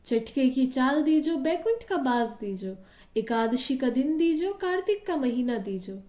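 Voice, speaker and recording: A woman's voice: high-pitched, expressive, a little slow, mellow, reverberant, lo-fi sound. Woman voicing a pious old village woman. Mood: devout. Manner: rhythmic chanted verse.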